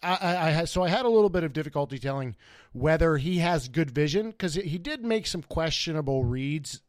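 A man's voice: fairly high pitch, expressive, a little fast, dry recording, studio quality. A man co-hosting a casual sports podcast, talking loosely with lots of restarts. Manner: loose, rambling, many restarts. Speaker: podcast co-host.

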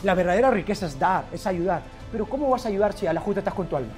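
Guy hyping everyone up, kinda high voice, super passionate, little bit of music behind. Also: animated, very fast. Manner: fiery, impassioned, swings between loud bursts and hushed lines. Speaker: motivational speaker. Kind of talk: motivational speech.

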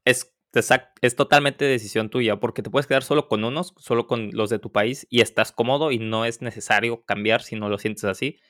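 A man hosting a podcast in a relaxed chat, asking and summarizing in a calm, measured way. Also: mid-range voice, no room sound, studio quality. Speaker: podcast host. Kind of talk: casual interview chat.

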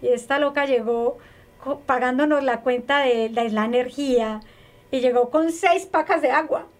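A high-pitched woman speaks as a guest in a conversation, recounting a personal story. She is animated and emphatic, repeating key phrases to stress her point. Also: normal speed.

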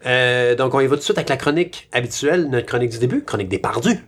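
A man's voice: mid-range voice, expressive, very fast, fairly bright tone. A man with a Quebec French accent hosting a casual podcast, cracking wry jokes between points. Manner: joking interjections, wry asides. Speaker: podcast host.

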